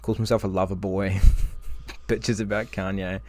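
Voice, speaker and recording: A man's voice: low voice, flat delivery, unhurried, darkish tone. A man co-hosting a podcast in casual chat, cursing freely and laughing often as he mocks. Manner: profane, giggly, mocking. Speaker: podcast co-host.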